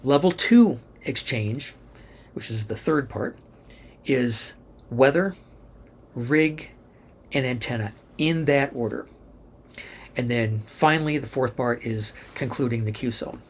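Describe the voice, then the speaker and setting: This tutorial narrator, an instructor and presenter, talks slowly in a medium-pitched voice and pauses often. He methodically explains each step and spells out letters one by one.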